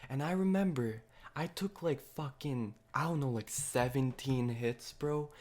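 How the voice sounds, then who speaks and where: A man's voice: medium pitch, a little slow, a little mellow. Slangy young man telling a story. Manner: slangy, swears constantly, says "bro". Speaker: vlogger. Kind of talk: casual storytelling.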